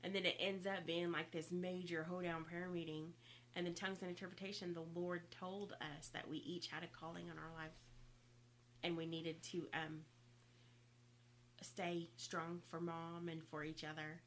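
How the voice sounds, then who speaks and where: Low-voiced woman recalling family times. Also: little pitch movement, slight background noise, rough recording. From Oklahoma. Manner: halting, fillers, reluctant then earnest. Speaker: guest sister. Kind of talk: casual family storytelling.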